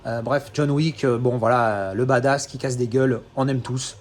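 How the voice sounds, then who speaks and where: In a casual, unscripted video, a French man in his thirties rambles about his film collection, hesitating and correcting himself a lot. His voice is medium-pitched and steady, at a moderate pace.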